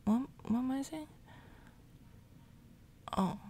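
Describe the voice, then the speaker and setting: In this low-quality clip, with a machine humming steadily behind her, a woman who does ASMR roleplay talks in a breathy half-whisper. She's recovering from jaw surgery, and her casual chat rambles, with words repeated in fast bursts.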